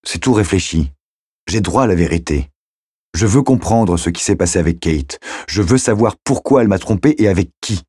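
Male narrator doing a bitter stubborn man, husky deep voice, insistent, audiobook. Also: animated, normal speed, dark tone, dry recording, clean studio sound. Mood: defiant. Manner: insistent, raised voice. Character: stubborn wounded man, betrayed widower.

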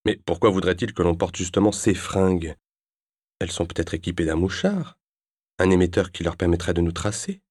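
A man reading an audiobook, voicing a sharp-tongued, bossy ex-wife in a raised voice. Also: low-pitched, animated, a little fast, no room sound, studio quality. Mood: thoughtful. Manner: scolding, mocking. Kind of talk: audiobook narration.

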